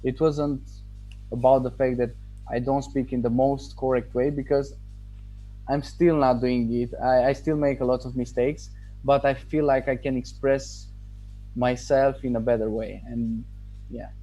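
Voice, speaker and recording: A Romanian student, a man whose first language is Romanian, gives a testimonial in casual interview answers. His mid-range, mellow voice stays level as he speaks thoughtfully, halting with pauses and restarts. Soft music plays behind him on a rough recording.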